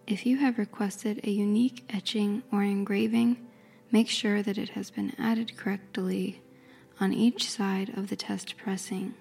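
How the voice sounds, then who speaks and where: A woman whispering softly and carefully, describing and reading aloud in an ASMR style. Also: mid-range voice, little pitch movement, gravelly, breathy edge, faint music behind. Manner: soft, slow, careful whisper. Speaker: ASMR creator.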